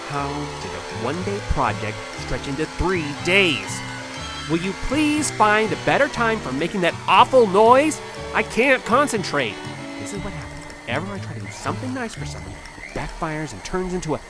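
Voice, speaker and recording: An actor playing a fussy, exasperated lab scientist, dramatic and swinging from dry deadpan to pleading in comic dialogue. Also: mid-range voice, natural voice. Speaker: actor in a comedy sketch.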